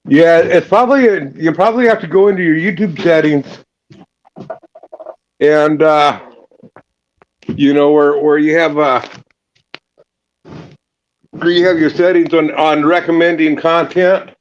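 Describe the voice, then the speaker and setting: Outdoors behind a building, a man hosts a casual live stream chat, rambling and halting as he keeps restarting his sentences. His voice is a little high with fairly even intonation, and the lo-fi recording carries a slight hiss or hum.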